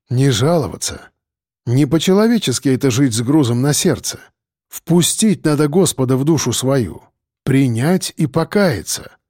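A man voicing a calm, patient priest who speaks slowly and gently, like a father guiding someone. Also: medium pitch, no room sound, studio quality. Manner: slow, gentle, instructive.

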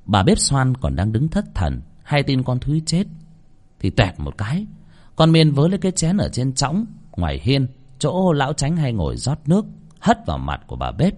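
A male storyteller narrating a folk ghost tale with a lively, highly animated voice. His pitch sits in an ordinary middle range, and he tells it dramatically, leaning into every grim detail. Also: normal speed. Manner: vivid, expressive delivery.

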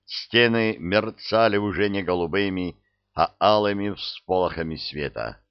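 A man narrating an audiobook in a measured, expressive reading style, recorded close to a studio mic. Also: deep voice, smooth, dry recording. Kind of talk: scripted narration. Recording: dull dry studio sound.

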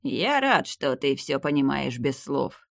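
A man reading the part of an old vampire clan head, the narrator's grandfather, in a grave, measured, weary manner. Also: mid-range voice, very animated, creaky, dry recording, clean studio sound, heavily acted. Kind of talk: audiobook character reading.

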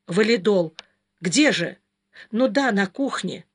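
A woman's voice: medium pitch, expressive, takes it slowly, slightly rough. A woman reading the part of an exhausted, ailing middle-aged man who speaks in a hollow, pleading way. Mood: anguished.

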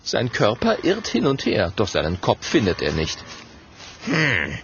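A man narrating a children's story in an expressive, animated way. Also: lowish voice, moderate pace, slight background noise. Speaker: audiobook narrator. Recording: dull audio with faint music.

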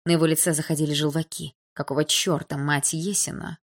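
A woman narrating a dramatic audiobook in a steady, subdued storytelling manner. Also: sits low, brisk.

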